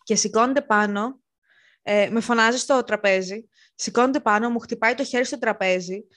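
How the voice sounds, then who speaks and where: A young woman co-hosting a podcast, telling work stories in a lively way and acting out what people said. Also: on the high side. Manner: animated, acts out quotes of rude customers. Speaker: podcast co-host. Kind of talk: casual chat, storytelling.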